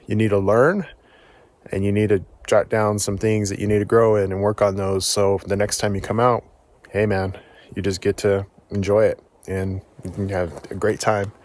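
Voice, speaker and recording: A man on a forest trail vlogs alone to camera, cheerful and encouraging while breathing hard from climbing. He speaks a bit slowly in a fairly low, fairly monotone voice, with no room sound.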